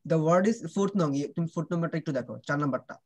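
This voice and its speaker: A man's voice: fairly high pitch, rapid-fire, a little mellow. A man teaching children pronunciation in an online class. He drills sounds and keeps asking whether the students understand, switching between Bengali and English.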